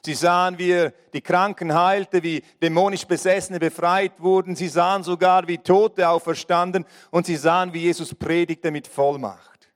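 Brief: male preacher, high voice, sermon, dramatic loud-soft storytelling, long reverb. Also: steady tone, moderate pace. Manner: storytelling, swinging between loud stresses and near-whispers.

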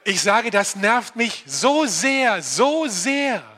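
Around 60, an animated man preaches a lively sermon to a church congregation in a high, bright voice, swinging from loud, emphatic declarations to quiet asides. He addresses listeners directly, often asking "verstehst du?", and slows right down on the phrases he wants to land.

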